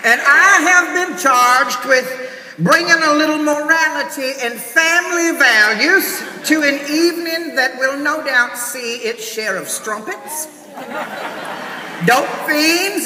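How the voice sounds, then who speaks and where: Here the awards-show host's church lady voice soars to an extremely high pitch over crowd noise as he delivers a scolding, pompous mock-sermon, slow, emphatic and peppered with amens. This theatrical stand-up bit plays out on a large stage, captured noisily from afar in an echoey hall.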